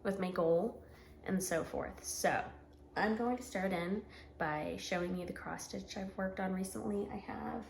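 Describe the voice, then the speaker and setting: A woman in her forties chatting casually to camera about her stitching, rambling with frequent ums and throat clearing. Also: mid-range voice, a little slow, a little hiss or hum. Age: 40s. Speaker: stitching vlogger.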